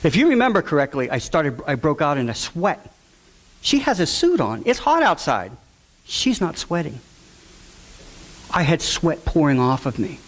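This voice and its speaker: A man's voice: fairly high pitch, wildly swooping pitch, normal speed, long pauses. A man, a father, telling an audience his personal story in an earnest, emotional way, sometimes acting out the people he quotes. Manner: acts out voices in quotes, shouting at times.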